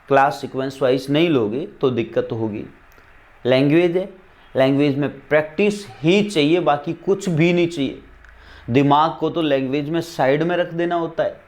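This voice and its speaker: A man teaching an English lesson, drilling examples over and over and asking rhetorical questions. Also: fairly high pitch. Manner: spells out words letter by letter.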